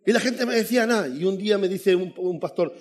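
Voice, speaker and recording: A man preaching as a guest in a church, telling his testimony in an animated way and calling out "amen" to the congregation. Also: high-pitched, fast. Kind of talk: sermon with personal testimony.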